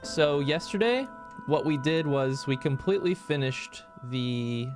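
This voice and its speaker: A man's voice: a little high, animated, a little slow, over music. A man streaming a game, recapping it in casual chat and jumping into silly voices and sound effects.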